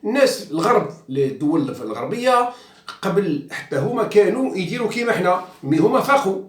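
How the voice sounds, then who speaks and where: An Algerian man talks quickly and bluntly, mocking as he goes and mixing French into his Arabic. His voice sits a little high. He is heard from some distance off the mic, in a room that echoes. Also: sing-song. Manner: outspoken and mocking, mixing in French, many fillers and restarts. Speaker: journalist commentator. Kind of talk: casual monologue.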